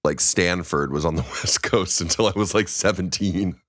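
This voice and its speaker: A young man co-hosting a podcast, easygoing and quick to laugh in casual conversation. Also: low-pitched, fairly bright tone, no room sound. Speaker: podcast co-host. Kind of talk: casual chat.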